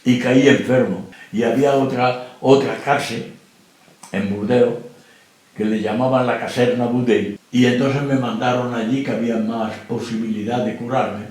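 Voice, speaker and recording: A very old man from Spain gives blunt documentary testimony in a middle-pitched voice, often stopping to ask whether the listener understands. His voice rings out in a strongly echoing room. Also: steady tone, normal speed, darkish tone. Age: older. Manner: plain-spoken, keeps asking if the listener understands. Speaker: interviewee. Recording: very echoey room.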